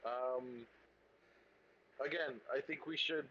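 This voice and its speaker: A man's voice: medium pitch, fairly even intonation, slow, bright, forceful tone, lo-fi sound, slight background noise. A man chatting as a podcast guest, hesitant and restarting his sentences often. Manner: hesitant, many restarts and fillers. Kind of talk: casual podcast chat.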